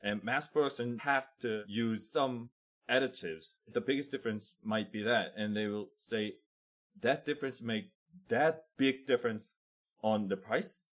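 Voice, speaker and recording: Korean-accented man, halting interview answers. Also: medium pitch. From South Korea. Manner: halting, searching for words. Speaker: chocolate shop owner, guest.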